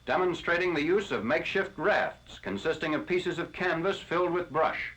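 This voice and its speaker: An old 1940s newsreel narration, with a man giving a crisp, formal announcer read. The voice sits a little high for a man. The archival audio is dull and lo-fi. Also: moderate pace, fairly bright tone. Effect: old 1940s newsreel recording. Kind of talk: scripted wartime newsreel narration.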